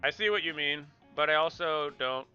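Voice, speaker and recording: Bright-voiced joking male game streamer. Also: a little high, moderate pace, clean tone, highs cut off, faint music behind. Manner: joking, rambling, repeats himself. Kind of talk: casual chat with stream viewers.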